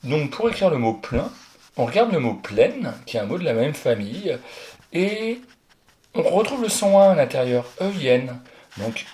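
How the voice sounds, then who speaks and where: Working through spelling exercises, a male primary school teacher speaks straight to a young pupil in a chatty way, frequently stopping to fix his own slips aloud. His voice is mid-range with a darkish tone.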